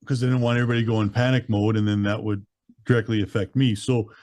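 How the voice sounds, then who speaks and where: A relaxed man in his thirties from Canada tells his story with a low voice and an easygoing, chuckling delivery. The sound is dry and close. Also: quick pace, dry recording. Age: 30s. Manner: laid-back, chuckles through grim details. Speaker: guest. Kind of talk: casual storytelling.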